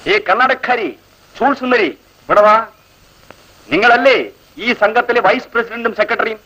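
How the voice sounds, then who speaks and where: A man's voice: extremely high pitch, moderate pace, sharp tone, lo-fi sound, full character voice. An actor playing a jeering male college senior who sneers and scolds, in 1980s film dialogue. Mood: sneering.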